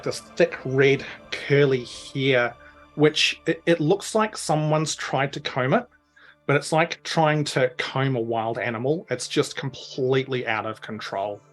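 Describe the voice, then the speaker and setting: Rambling game master. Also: male voice, medium pitch, slow, faint music behind. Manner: rambling, many fillers, chuckling. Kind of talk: narrating a tabletop game.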